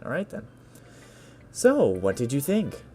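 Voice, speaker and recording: A man's voice: mid-range voice, wildly swooping pitch, unhurried, darkish tone, soft background music, voice pushed up. A man voicing a confident, friendly teenage girl club president who talks in a breezy, encouraging way. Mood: thoughtful. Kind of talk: video game voice-over reading.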